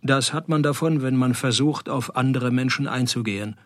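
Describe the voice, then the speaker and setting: A man playing a wisecracking, world-weary private detective in a noir radio drama, with a dry, sardonic, deadpan delivery. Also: medium pitch, moderate pace, no echo, lightly acted.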